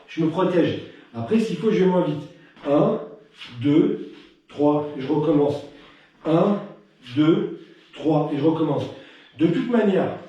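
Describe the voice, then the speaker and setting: A man's voice: fairly high pitch, warm tone. A man teaching a live Krav Maga class, counting combinations and punctuating strikes with punchy sound effects, chatty between drills. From France. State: warm and a bit winded from training. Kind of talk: live online martial arts class. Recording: very echoey room, mic at a distance.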